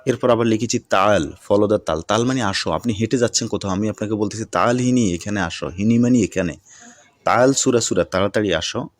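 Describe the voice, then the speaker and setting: A man teaching a video language lesson, who repeats phrases slowly and mixes English words into his explanations. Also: fairly low pitch.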